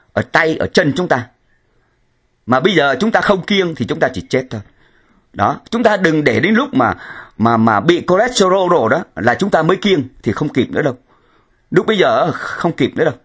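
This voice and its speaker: Husky, animated male preacher. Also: fairly high pitch. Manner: emphatic, repeats words and rhetorical questions. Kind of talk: sermon.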